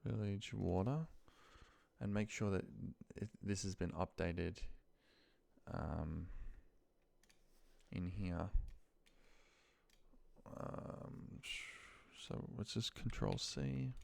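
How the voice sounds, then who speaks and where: An office worker demonstrates a data-entry task on a screen recording, muttering short fragments as he thinks aloud in an informal way. His voice is low, creaky, and darkish, very slow, with long pauses, and the recording is dry.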